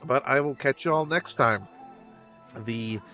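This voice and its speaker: A young man hosting a casual gaming livestream, rambling and commenting on his own fast talking. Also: medium pitch, sharp tone, faint music behind. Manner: rambling, self-aware about talking fast. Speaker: streamer host.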